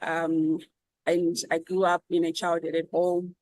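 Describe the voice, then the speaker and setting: Zimbabwean lady, earnest and measured, lots of ums, dry close sound. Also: fairly low pitch, completely flat delivery, darkish tone, dry recording, poor audio. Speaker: guest. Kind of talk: reflective interview answers.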